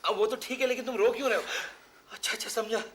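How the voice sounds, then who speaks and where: Flustered jealous husband, high and excitable, over a noisy track. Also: male voice, quick pace. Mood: agitated. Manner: flustered, exclaiming, jumpy pitch. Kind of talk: sitcom acting.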